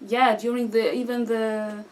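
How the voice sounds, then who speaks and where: This Syrian guest in her thirties has a fairly high voice that barely moves in pitch. She answers conversational interview questions hesitantly, in non-native English broken by frequent restarts and fillers, recorded on a distant mic with faint noise behind her.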